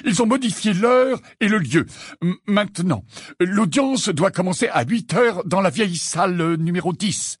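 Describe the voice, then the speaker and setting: A man's voice: high voice, expressive, normal speed, husky, no room sound, clean studio sound, voice pushed up. A man voicing a timid, breathless elderly wizard clerk in an audiobook. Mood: flustered. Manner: breathless, flustered.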